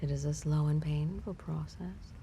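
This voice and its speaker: Commanding and ominous, a woman portrays an ancient, imperious vampire mistress in an intimate audio roleplay, her low-pitched voice steady and dark with a little hiss or hum. Her delivery is theatrical, breathy and half-whispered, drawing out words with predatory, seductive menace.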